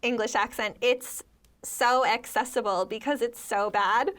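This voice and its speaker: A woman's voice: fairly high pitch, fairly even intonation, measured pace, fairly bright tone. An American woman guesting on a casual podcast, thinking aloud and searching for words. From United States.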